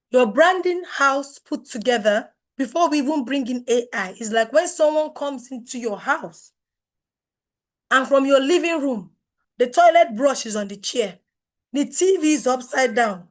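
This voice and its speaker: Though hoarse from losing her voice, a Nigerian webinar speaker teaches a live online branding workshop in a high voice, animated and a little slow. She is emphatic, poses rhetorical questions, and swings widely in loudness.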